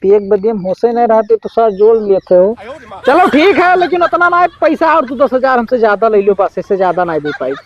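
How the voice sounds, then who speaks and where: A man's voice: extremely high pitch, sing-song, a little fast, highs cut off. A man playing an insistent village moneylender in a comedy sketch, nagging and arguing with an Awadhi accent. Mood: hard bargaining. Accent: Awadhi, eastern Uttar Pradesh. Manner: nagging, argumentative.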